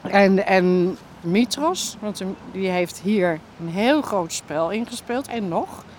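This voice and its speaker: A woman telling neighbourhood stories in a casual interview, lively and acting out conversations. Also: medium pitch, slow, slight background noise. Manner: lively, acts out conversations in quoted voices. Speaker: neighbourhood resident being interviewed.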